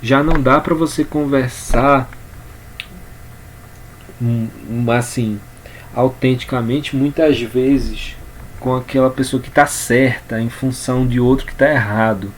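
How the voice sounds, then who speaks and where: A man's voice: medium pitch, steady tone, measured pace. A man with a Brazilian Portuguese accent and a middle-range voice teaches a casual lesson on communication. He talks unhurriedly, circling back over words and restarting phrases as he goes. Faint noise sits under the recording. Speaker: communication coach. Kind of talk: informal spoken lesson.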